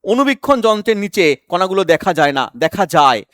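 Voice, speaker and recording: A high-pitched man coaching students through exam science questions. He asks a question, then answers it himself, and keeps repeating the key terms. The recording is dry and close, with no room sound. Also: big pitch swings, a little fast, fairly bright tone, no echo. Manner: explains by asking questions and answering them himself. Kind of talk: exam-prep science lesson.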